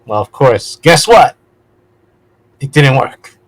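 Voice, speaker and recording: A very animated man with a mid-range voice, yet speaking at a slow pace. He's a vlog host rambling casually, veering into digressions and correcting himself conversationally.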